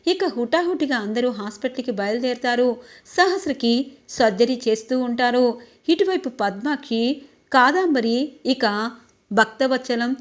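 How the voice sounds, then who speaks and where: A woman storyteller recounts a TV serial in a steady, filler-laden narration. Her voice sits fairly high. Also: moderate pace. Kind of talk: retelling a TV serial.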